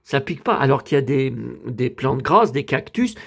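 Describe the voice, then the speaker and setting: A man's voice: medium pitch, very animated, moderate pace, fairly bright tone, husky. A man from the Lyon area talking in a casual vlog, rambling and chatty as he shows his purchases, with bursts of exasperated complaint. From Lyon area, France. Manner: rambling, chatty, many fillers and tag questions. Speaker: vlogger.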